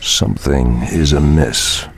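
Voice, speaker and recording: An actor playing an ancient, brooding night elf druid in a video game, grave and theatrical, with a gravelly bass. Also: male voice, slow pace, heavily acted. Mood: grave, commanding. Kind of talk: video game hero responses. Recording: loud game music behind the voice.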